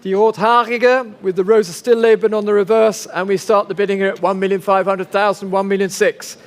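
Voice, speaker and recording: Male auctioneer, high voice, formal and courteous, live bid-calling with repeated figures. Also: flat delivery, fairly quick. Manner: polite, formal, coaxing bidders. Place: large auction sale room.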